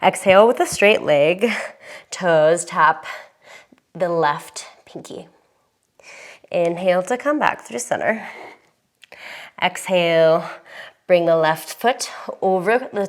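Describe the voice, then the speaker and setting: A young woman teaching a yoga class, giving calm breath cues with sighs, a bit out of breath. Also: fairly low pitch, slow, long pauses. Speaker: yoga instructor.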